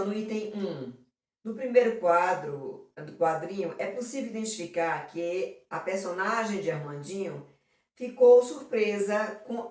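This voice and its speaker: A woman's voice: on the low side, darkish tone. A woman teacher going through exam questions, talking affectionately with lots of diminutives and constant check-ins with her students. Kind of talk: exam prep lesson. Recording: very echoey room, mic far off.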